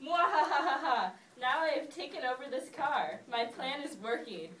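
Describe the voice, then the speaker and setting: Young woman acting out a scheming thief villain, lively bright voice, roomy classroom, distant mic. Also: high voice, normal speed, a little hiss or hum. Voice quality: animated, hammy villain laugh. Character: sneaky female car-thief virus, scheming and gleeful.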